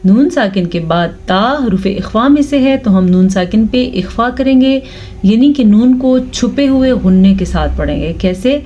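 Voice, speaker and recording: A woman teaching Quran recitation rules, explaining each sound and then reciting words slowly and drawn out. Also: a little high, expressive, mellow, lo-fi sound. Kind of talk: recitation lesson with slow drawn-out recitation.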